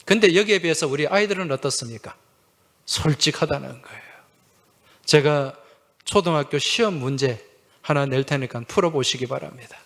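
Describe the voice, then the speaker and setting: His voice is a little high and a bit bright, at normal speed, as this male pastor preaches a Sunday sermon in a slightly raised voice. Funny anecdotes come naturally, and he chats with the congregation by asking questions and supplying a short "yes" himself.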